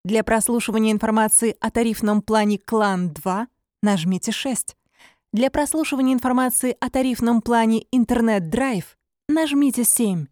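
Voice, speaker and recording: A woman reading scripted phone menu prompts in a measured, formulaic announcer's manner. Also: on the high side, mellow, dry recording, clean studio sound.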